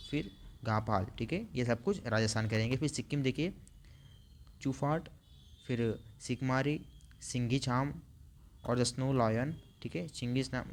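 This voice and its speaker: A man teaching an online class, running through long lists and slowing down to sound out hard names. His voice sits at an ordinary middle pitch, and a faint hiss sits under it. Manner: reads out lists, adds frequent "theek hai" fillers; slows down to spell out hard names.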